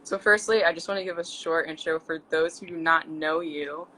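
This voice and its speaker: A woman's voice: low voice, fairly even intonation, moderate pace, pushed and bright, a little hiss or hum, low-quality recording. A woman in her twenties from Central Maryland, hosting a casual live video interview and chatting encouragingly with her guest. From Central Maryland, USA. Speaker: host.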